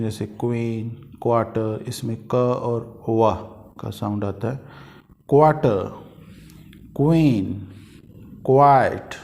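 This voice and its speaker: A male teacher from India giving a pronunciation lesson, slowly repeating each example word several times. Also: mid-range voice, a little mellow. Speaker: language teacher.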